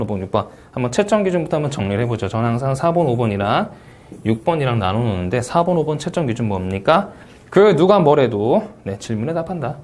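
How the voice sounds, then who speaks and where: A man lecturing on an English speaking exam, with a Korean accent, asking questions and answering them himself. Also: mid-range voice. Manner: animated, asks and answers his own questions. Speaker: TOEIC Speaking instructor. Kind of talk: recorded exam review lecture.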